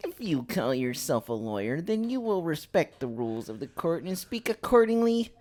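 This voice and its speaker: A woman's voice: sits low, sing-song, normal speed, darkish tone. A woman voicing a stern male court official from a courtroom game, lecturing in a stiff, formal way.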